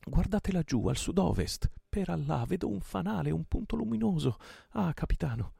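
A man doing an excited loyal pirate sailor. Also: on the high side, moderate pace, creaky, breathy edge, no echo, studio quality, voice pushed up, heavily acted. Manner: excited, crying out.

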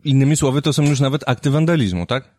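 A man's voice: medium pitch, fast, darkish tone, dry recording. Hesitant male interviewer, dry sound. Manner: casual, hesitant questioning with fillers. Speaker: interviewer, host. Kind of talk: interview conversation.

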